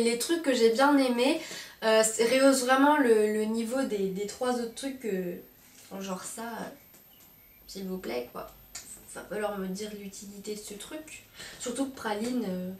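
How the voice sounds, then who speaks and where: Casual woman vlogger, somewhat high voice, hesitant and filler-heavy; roomy echo. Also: unhurried. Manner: hesitant, with frequent "euh" fillers and restarts; speaks affectionately to her dog. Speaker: pet vlogger reviewing a dog subscription box. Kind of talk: casual unboxing chat to camera. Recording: roomy echo, mic at a distance, faint noise.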